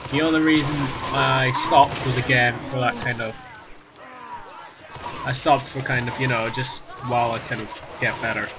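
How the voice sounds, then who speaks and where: Still getting over a virus that cost him his voice, a young man on YouTube gives rambling, self-deprecating gameplay commentary packed with fillers and restarts. He speaks at normal speed in a medium pitch with fairly even intonation, and background noise is audible.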